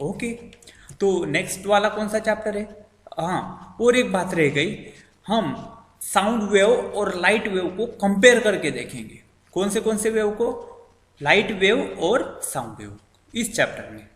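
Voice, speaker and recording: A male physics teacher talks through a syllabus overview, asking questions and answering them himself and repeating key terms with many fillers. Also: high voice. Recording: echoey room with long reverb.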